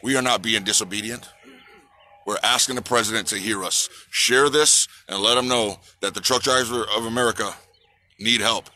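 On a city sidewalk near a park, a trucker activist in his forties passionately repeats protest slogans and asks the crowd to reply. He speaks at normal speed in a fairly low, sharp-toned voice, and the clip was recorded on a phone held at arm's length.

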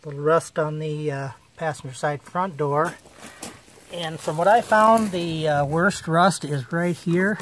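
Recording on a handheld phone, an owner shows his old car both outside and inside, describing it matter-of-factly and with frequent fillers. His voice is fairly high and a little slow. A little hiss or hum comes through in this casual walkaround video.

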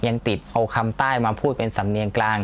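A man, calmly explaining with examples. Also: lowish voice, fast, a little hiss or hum. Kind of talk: explaining, casual talk.

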